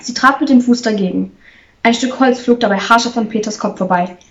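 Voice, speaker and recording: A woman reading a short story aloud at a steady pace, with a few slips and restarts. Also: on the high side, brisk. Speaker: reader. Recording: slightly distant, muffled recording.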